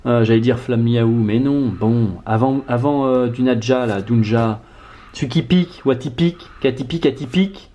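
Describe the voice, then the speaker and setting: A man vlogging at home as he opens trading card packs, talking casually and swinging between low mutters and loud excited outbursts. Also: moderate pace. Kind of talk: casual card-opening vlog. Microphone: camera mic on tripod.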